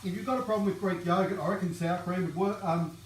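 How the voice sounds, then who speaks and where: A practical, easygoing woman explains a recipe step by step in a fairly low voice. She is picked up from a distance in a roomy kitchen, with faint background noise. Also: fast. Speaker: cooking show co-host. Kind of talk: casual cooking demonstration. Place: home kitchen.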